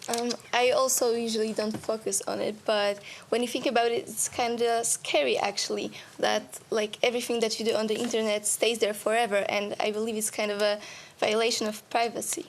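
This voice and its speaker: A woman's voice: on the high side, little pitch movement, a little fast, a little hiss or hum. A young woman from Poland, a panel guest giving a thoughtful, concerned opinion. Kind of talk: casual panel discussion.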